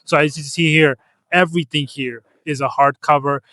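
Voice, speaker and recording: A man's voice: fairly high pitch, fairly even intonation, normal speed, bright, forceful tone, no echo. A man from Ethiopia, a comics publisher, answering interview questions in an earnest, casual way, often restarting phrases. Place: comic convention floor.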